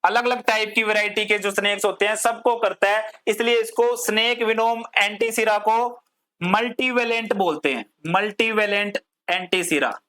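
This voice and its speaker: A woman's voice: mid-range voice, fairly even intonation, moderate pace, a bit bright. Female pharmacy teacher, patient classroom lecture in Hindi and English, asks the class questions and answers them, drawls terms. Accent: Hindi-English code-switching. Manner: drawls long technical terms word by word.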